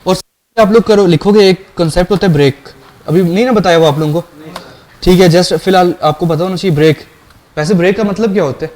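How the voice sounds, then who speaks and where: A man lectures a programming class at a fairly quick pace, his voice high with a darkish tone. His explanations proceed step by step, punctuated by frequent questions to confirm the class is with him.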